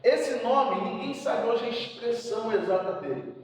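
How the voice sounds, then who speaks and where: A man teaches a church seminary class in an emphatic voice that sits high for a man, checking in with the room again and again. He is picked up from a distance in a large, echoing hall with long reverb and a faint hum of noise underneath. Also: a little slow. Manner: emphatic, frequent "né?" check-ins. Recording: echoey hall from far off, faint background noise.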